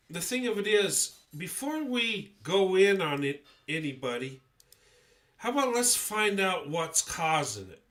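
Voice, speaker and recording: This stuffy-nosed, congested livestream host talks on the high side with a fairly bright tone. His casual chatter is rambling and tentative, packed with fillers and restarts.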